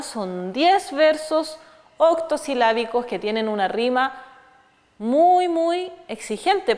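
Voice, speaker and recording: A woman's voice: a little high, long reverb tail. A woman with a Chilean accent teaching children about folk verse in an online lesson, asking them questions as she explains. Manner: didactic, asks pupils questions.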